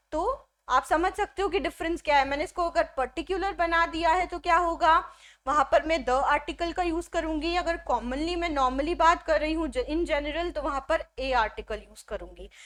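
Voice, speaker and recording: A woman teaching an exam-prep English grammar lesson, explaining step by step and often checking with "ठीक है", slowing down on English examples. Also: sits high, fairly bright tone. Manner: mixes Hindi with English phrases, slows down on English examples.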